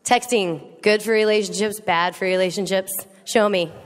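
A woman giving a comedic talk to a live audience, animated and teasing, acting out quoted voices. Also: mid-range voice, normal speed. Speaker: speaker. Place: large hall with an audience. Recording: echoey hall with faint noise.

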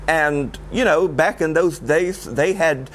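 A man's voice: a little high, takes it slowly, a bit bright, low-quality recording. A middle-aged man speaking as a campy horror host, with theatrical, ghoulish patter as he introduces a show. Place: indoor room aboard an old paddle wheel ship, at a desk. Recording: clear background noise, room ambience.

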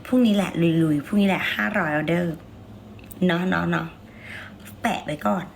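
A hoarse woman with a raspy voice, chatting playfully and coaxing viewers while selling on a livestream. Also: lowish voice, moderate pace, slight background noise. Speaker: livestream seller. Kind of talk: casual livestream chat.

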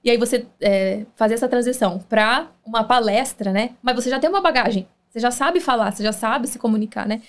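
Uma apresentadora brasileira de podcast, de fala bem ligeira, conduz a conversa com perguntas curiosas. O tom é aberto e animado, de estúdio. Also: female voice, a little high, fairly quick, few pauses. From Brazil. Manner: lively, conversational, leading questions. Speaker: podcast host. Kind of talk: casual interview chat.

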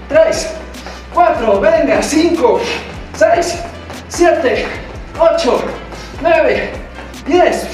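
Echoey, high-pitched young man barking workout counts. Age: young adult. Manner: barking gym-coach counts and encouragement. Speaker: fitness coach leading a workout. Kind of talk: motivational workout instruction. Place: bare tiled room with hard walls. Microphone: camera several metres away. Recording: echoey room, far from the mic, music.

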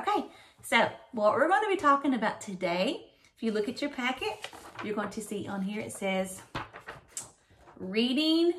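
A middle-aged woman kindergarten teacher giving a children's reading lesson in an animated, simply questioning way, as if reading to a toddler. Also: medium pitch, a little hiss or hum. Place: small room at home, indoors.

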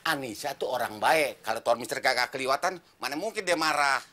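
A man's voice: medium pitch, fairly quick, sharp tone, lightly acted. A man with a Betawi accent in a soap opera, talking bluntly and scolding in colloquial speech. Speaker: Jungkat, village man hosting a foreigner. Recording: music bed behind.

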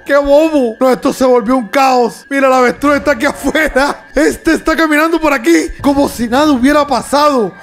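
A young man commenting on a horror video game in an excitable way, yelping, laughing and talking straight to his viewers. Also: extremely high pitch, moderate pace, few pauses. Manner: excitable, yelps and laughs, talks to viewers as "amigos". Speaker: gaming YouTuber.

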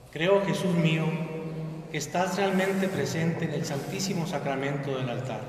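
A man leading the congregation in a recited prayer, with a measured, even delivery, heard in a large church. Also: on the high side, a little hiss or hum. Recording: echoey church from far off.

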